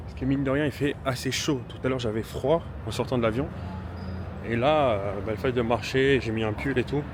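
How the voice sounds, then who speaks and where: A man's voice: medium pitch, fairly quick. Chatty man vlogging to camera. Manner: chatty, enthusiastic, many fillers. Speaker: vlogger, influencer. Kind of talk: casual travel vlog, talking to camera. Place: hotel room and city streets. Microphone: handheld camera. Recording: noisy outdoor street ambience.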